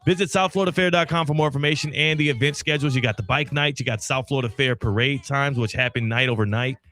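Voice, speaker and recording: Energetic man hosting sports radio. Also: medium pitch, quick pace, soft background music. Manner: energetic, loud, playful. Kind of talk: casual radio talk. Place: radio studio.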